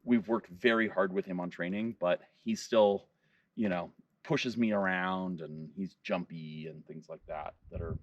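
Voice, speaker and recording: A man on his ranch, casually explaining how he trains his dog, with bursts of high praise for the dog. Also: steady tone, measured pace, recorded from a distance, highs cut off. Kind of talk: casual vlog narration and dog commands. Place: outdoors on a ranch.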